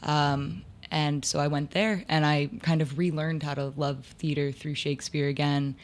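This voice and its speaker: A woman in her twenties with a low voice tells anecdotes about her life in theater during a casual interview. She talks in a chatty, lively way and scatters "like" through her sentences. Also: moderate pace. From upstate New York. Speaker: theater actor and lighting designer, guest.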